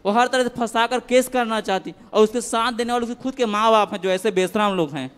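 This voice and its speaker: High, clear-voiced man pleading for help. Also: brisk, fairly bright tone. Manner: distressed, pleading, repeatedly asking what to do. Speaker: audience member asking for advice. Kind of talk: pleading personal question. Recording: reverberant hall.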